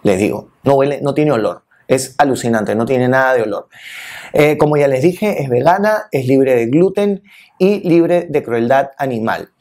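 A Peruvian-accented man in his early fifties, a beauty vlogger and makeup reviewer, chats expressively and familiarly with viewers in a casual makeup review. His medium-pitched voice is animated, a little mellow, at normal speed. He's filmed seated against a plain wall in an indoor room, using a lapel mic.

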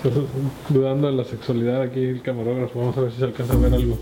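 A man's voice: mid-range voice, little pitch movement, rapid-fire, over loud music, poor audio. A man on the crew of a video shoot, making mocking wisecracks at the performer. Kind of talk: teasing banter.

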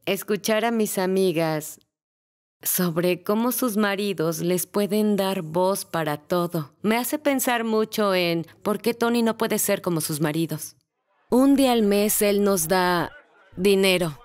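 A woman's voice: mid-range voice, natural voice. A woman dubbing an exasperated wife in her forties on a reality show, weary and complaining, in Spanish-dub style. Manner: weary, fed-up complaining that builds to an angry confrontation. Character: exasperated wife, tired of a stingy husband.

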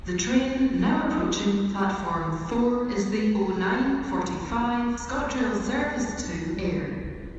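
A woman making scripted announcements on a train platform in measured, pieced-together phrases over a public address loudspeaker. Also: mid-range voice, animated, lo-fi sound. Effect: station public address loudspeaker. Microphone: distant recorder picking up platform loudspeakers. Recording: echoing station PA from far off, noisy. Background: clear station ambience noise.

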